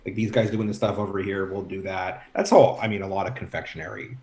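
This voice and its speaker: Low voice guy rambling along easy, echoey room sound. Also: steady tone, fast talker, darkish tone. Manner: easygoing, rambling explainer. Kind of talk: casual chat. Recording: roomy echo.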